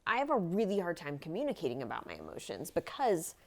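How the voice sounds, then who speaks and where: A young woman in casual podcast chat with her partner, reflective and soft-spoken. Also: lowish voice, wildly swooping pitch, fast, gravelly. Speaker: podcast co-host.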